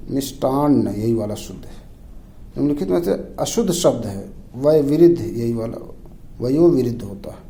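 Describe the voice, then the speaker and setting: A man's voice: mid-range voice, creaky, warm tone, a little hiss or hum, poor audio. A man tutoring Hindi exam questions, reading each option aloud and naming the wrong one. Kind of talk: rapid quiz walkthrough.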